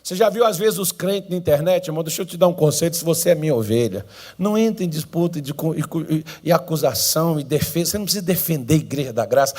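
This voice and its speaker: A Brazilian male pastor preaching a sermon in church, swinging between drawn-out shouted cries and low, quick asides.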